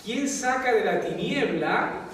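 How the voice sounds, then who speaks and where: A Peruvian Spanish-accented priest lectures his Bible class, constantly checking in with questions. He speaks slowly in a very high, expressive voice over a noisy crowd, distant from the mic in a very echoey classroom or hall.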